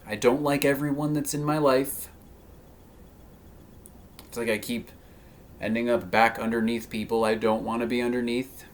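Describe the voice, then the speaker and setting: A man in his thirties talking in a personal vlog monologue, halting and rambling with many fillers and restarts. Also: medium pitch, little pitch movement, slight background noise. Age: 30s. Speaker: vlogger.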